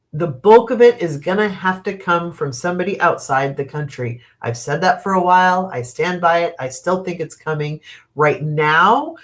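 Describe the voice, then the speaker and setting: A sniffly, congested American woman in middle age, host of a tarot channel, gives a casual live-stream reading at home, her pitch fairly low. Her allergies show, and she thinks aloud slowly and ramblingly, restarting often, filling gaps, and laughing at her own asides.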